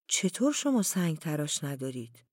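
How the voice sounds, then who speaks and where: A narrator voicing a disheveled, desperate male shepherd who asks bewildered, pleading questions in a raised, louder voice. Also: mid-range voice, big pitch swings, dry recording, studio quality. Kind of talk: audiobook character reading.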